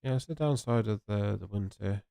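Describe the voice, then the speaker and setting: A young English man streams a game and rambles chattily with viewers, answering them in a congested, sniffly voice. His voice sits on the low side and comes out fairly quick, gravelly and mellow, with no echo on the recording.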